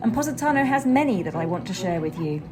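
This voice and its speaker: A woman giving calm, reflective scripted voice-over narration for her vlog. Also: medium pitch, quick pace, music in the background. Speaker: vlogger.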